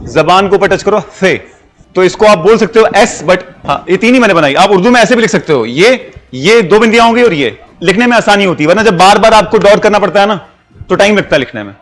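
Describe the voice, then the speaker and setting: A man teaches a class, explaining things patiently one step at a time. His voice sits high for a man, and he keeps dropping English phrases into his Hindi. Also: expressive, a little fast, a bit bright. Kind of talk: classroom lesson.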